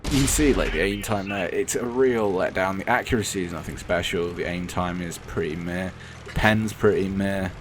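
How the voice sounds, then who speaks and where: A gaming commentator with a very deep, hoarse, croaky voice talks casually over gameplay at a moderate pace with few pauses. He rambles, stops to correct himself, and voices blunt, unfiltered opinions, while gunfire and engine noise sound clearly behind him.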